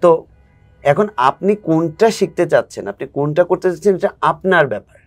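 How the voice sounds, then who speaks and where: A man's voice: a little high, animated, normal speed, soft background music. A man who coaches spoken English, a guest in a casual interview, explaining patiently and acting out examples.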